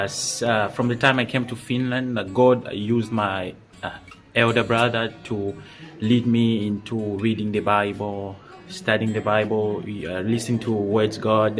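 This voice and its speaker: A young man from Congo giving a personal faith testimony, speaking hesitantly with many pauses and restarts. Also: fairly low pitch, a bit bright. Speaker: church member giving testimony.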